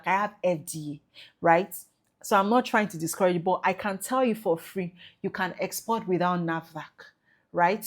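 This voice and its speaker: Emphatic Nigerian woman pitching a course. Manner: emphatic, repeats tag questions like okay and right; mixes in Nigerian Pidgin phrases. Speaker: export business trainer. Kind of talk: promotional talk to prospective students.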